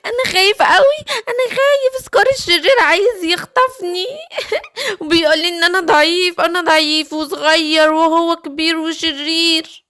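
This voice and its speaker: A woman's voice: extremely high pitch, fairly quick, pushed and bright. A woman with an Egyptian accent voicing a small, scared male lion cub in a bedtime cartoon story. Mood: scared crying. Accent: Egyptian Arabic. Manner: tearful, whiny, then boastful. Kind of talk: bedtime story role-play.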